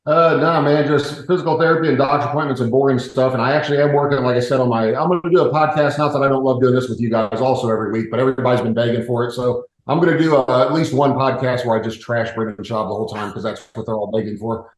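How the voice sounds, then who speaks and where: A man who talks fast and rambles, doubling back over his words in casual podcast chat. His voice comes through with a noticeable roomy echo, and his pitch is average for a man. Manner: rambling, many fillers and restarts.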